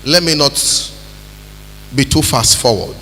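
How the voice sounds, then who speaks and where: A Nigerian man preaching a sermon as pastor, calling out to the congregation and building to shouts. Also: mid-range voice, slow pace, a little hiss or hum. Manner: preaching with call-and-response, rising to shouts. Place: church hall. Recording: reverberant church hall with music.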